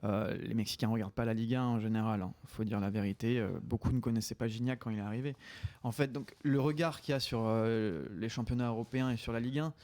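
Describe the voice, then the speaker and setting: A man's voice: mid-range voice, fairly even intonation, quick pace, hardly any pauses, a little mellow, no room sound. French man chatting as a guest author. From France. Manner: hesitant, many fillers and restarts. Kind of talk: casual chat on a livestream.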